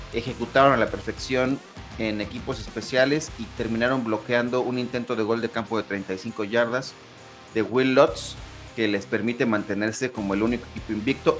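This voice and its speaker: Guy breaking down sports on a show, mid-range voice, measured, faint music behind. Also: medium pitch, fairly bright tone. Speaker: sports commentator. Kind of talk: analytical sports discussion.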